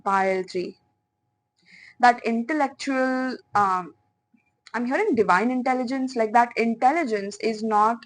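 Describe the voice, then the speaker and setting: A woman's voice: a little high, low-quality recording. A woman doing a pick-a-card tarot reading, talking in a chatty, playful way with many fillers and speaking to her viewers as piles. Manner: chatty, playful, with frequent fillers and soft laughs. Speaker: tarot reader.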